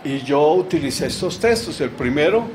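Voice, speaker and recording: A man's voice: on the high side, expressive, moderate pace, a little mellow, slight background noise, rough recording. A middle-aged man preaching a sermon in a church, asking rhetorical questions and answering them with emphasis.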